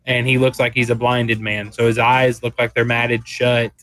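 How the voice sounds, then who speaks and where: A man playing a tabletop game, describing things casually in a halting, explanatory way. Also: mid-range voice, flat delivery, fairly bright tone, no echo.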